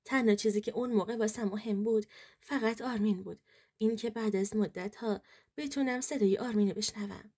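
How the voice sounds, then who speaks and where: Mellow, husky woman telling a story. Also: mid-range voice. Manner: emotional, earnest telling. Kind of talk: first-person true-story narration.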